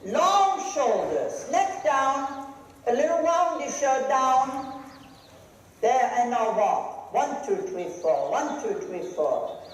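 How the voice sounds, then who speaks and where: Casting: riding coach, high and very lively voice, firing off brisk projected commands in short phrases. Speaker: riding instructor. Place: large echoey riding arena. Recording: very echoey hall, some noise.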